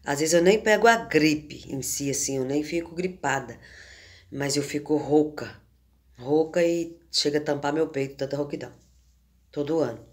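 A deep-voiced Brazilian woman in her fifties, hoarse and suffering from a cold, chats devotionally with viewers in a room at home. She records on a phone at arm's length and speaks slowly and homely, with frequent "né" and "gente."

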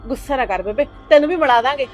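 A woman's voice: high-pitched, lively intonation, fast talker, faint music behind. A woman playing a coaxing young daughter-in-law. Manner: coaxing, soothing, persuasive. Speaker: daughter-in-law in a family drama. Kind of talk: village web-series acting.

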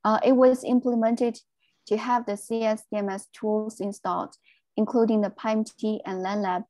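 A woman giving a technical presentation on a video call, speaking in a measured way with frequent fillers. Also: a little high, level tone, warm tone, no room sound.

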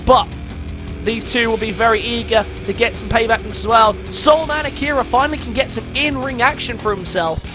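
A man giving excitable play-by-play commentary on a wrestling match, rising to shouts at the big moves. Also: very high voice, normal speed, over music.

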